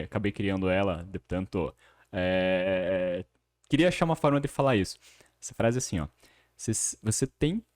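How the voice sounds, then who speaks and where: A man interviewing a guest in a casual chat. He sounds thoughtful and halting and uses many fillers. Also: on the low side, darkish tone, dry recording, studio quality. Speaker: podcast interviewer.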